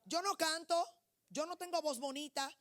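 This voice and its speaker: A woman preacher with a high-pitched voice gives a fervent, declamatory sermon at a moderate pace, frequently raising her voice to a shout.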